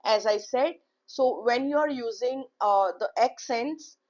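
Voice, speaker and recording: A woman's voice: a little high, unhurried. A woman teaching a beginner language lesson, repeating key words and checking in with "okay" often. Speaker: French teacher. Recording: dull lo-fi recording.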